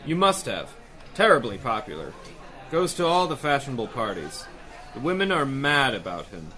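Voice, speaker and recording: With a bright, forceful mid-range voice, this man plays a sure-footed police commissioner in the style of 1930s radio drama. He talks at normal speed with big swings in pitch.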